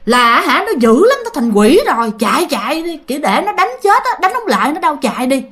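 Woman doing a freaked-out male ghost yelling to run, southern vietnamese accent, high and loud. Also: very animated, a little fast. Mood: frantic. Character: panicked male ghost urging others to flee.

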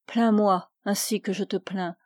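Woman voicing a tender, ailing young heroine for an audiobook, warm dry tone. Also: mid-range voice, steady tone, a little slow, no room sound, close to an everyday voice. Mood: wistful. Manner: soft, wistful.

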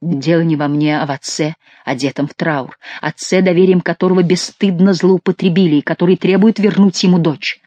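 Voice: medium pitch, steady tone, a little fast, hardly any pauses, darkish tone, dry recording, natural voice. An audiobook reader voicing a troubled, indecisive royal duke in a dramatic reading. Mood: solemn.

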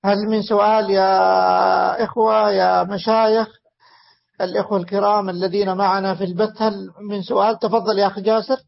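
Man in his own voice leading an online religious lesson, high and gravelly, slow and measured, dull lo-fi stream audio. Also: level tone. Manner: slow, measured, with frequent pauses. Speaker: sheikh teaching a book.

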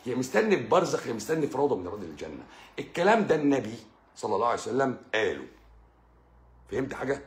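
Man, Egyptian Arabic accent, religious talk, animated pitch, addresses listener directly, roomy echo. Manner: lively, addresses listener directly, repeats and stammers. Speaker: channel host.

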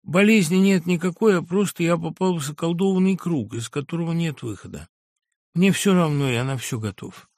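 A man's voice: a little high, moderate pace, a little mellow, no echo, clean studio sound. A man voicing a nervous, bitter middle-aged male doctor in an audiobook, swinging between rage and weary resignation. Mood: resigned. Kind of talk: audiobook character reading.

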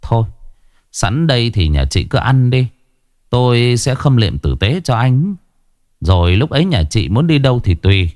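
A man voicing a middle-aged village ritual master, stern yet kind, speaking in a low, gruff tone. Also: very animated, moderate pace, a little mellow, no room sound, clean studio sound, lightly acted. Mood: gentle firm.

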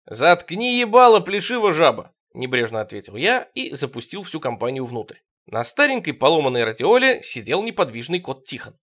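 A man narrating absurdist prose in a wry, deadpan storytelling manner. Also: mid-range voice, brisk, hardly any pauses. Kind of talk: audiobook reading of absurdist prose.

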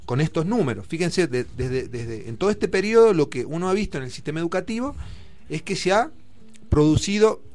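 On a discussion show, this Argentine-accented man works through figures out loud, dropping fillers as he thinks. He talks briskly in a fairly high, sing-song voice with a darkish tone, while faint music plays behind him.

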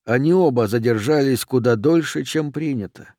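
A man voicing a calm, mysterious milkman who speaks in a measured, slightly ironic way. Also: medium pitch, no room sound, clean studio sound, close to an everyday voice. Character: calm mysterious male milkman, faintly mocking.

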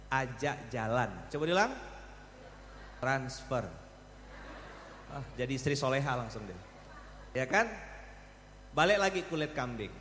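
A middle-aged man with a Pontianak Malay accent giving a humorous sermon with animated storytelling and playful crowd work. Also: sits high. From Pontianak, West Kalimantan. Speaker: preacher. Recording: echoey hall with faint noise.

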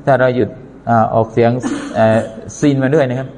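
A man's voice: medium pitch, steady tone, brisk, a little mellow, slight background noise. A man teaching Quran recitation, chanting verses and then explaining pronunciation step by step in a careful lesson. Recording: long reverberant hall.

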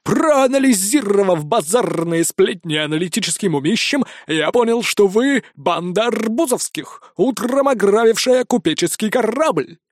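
A man's voice: high voice, animated, a little slow, hardly any pauses, no echo, clean studio sound, pitched above the performer's own voice. A man voicing a boastful century-old pirate parrot in an audiobook, with a brash, squawking manner. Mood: cocky. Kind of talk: audiobook character voice.

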